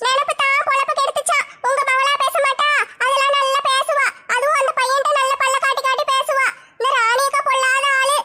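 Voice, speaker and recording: Shrill, bright, flat-toned gossip with one eye, spiteful and meddling, in a comedy skit. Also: female voice, fairly quick, heavily acted. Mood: taunting. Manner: accusing, taunting village gossip.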